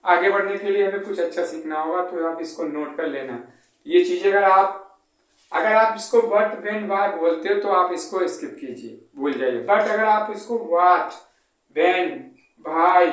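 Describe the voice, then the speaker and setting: A man's voice: fairly high pitch, heavy reverb, distant mic, low-quality recording. A man teaching an English lesson. He spells words out letter by letter, and he keeps asking the class questions and then answering them himself.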